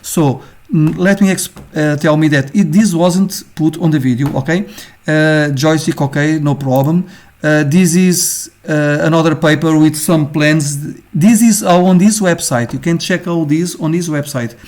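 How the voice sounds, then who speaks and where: A man with a Portuguese accent, a native Portuguese speaker, giving an informal screen-share lesson on game design, halting often with fillers and tag questions. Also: on the high side, darkish tone. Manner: halting, many fillers, ends phrases with "okay?".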